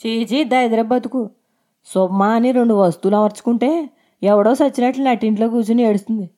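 A woman's voice: on the high side, fairly quick, dark tone, close to an everyday voice. A woman voicing a boastful, crude young husband who talks in a mocking, sneering way.

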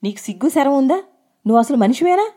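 A woman's voice: mid-range voice, fairly quick, a little mellow, close to an everyday voice. A woman voicing a hurt young wife, tearful and grieving. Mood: furious.

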